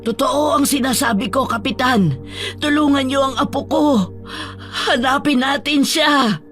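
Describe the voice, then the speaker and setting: Casting: man playing a panicked, tearful old grandmother in a radio horror story, high and stammering, soft music behind. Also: unhurried, exaggerated voice. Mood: pleading. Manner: panicked, stammering, crying pleas. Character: frantic elderly grandmother, tearful and pleading.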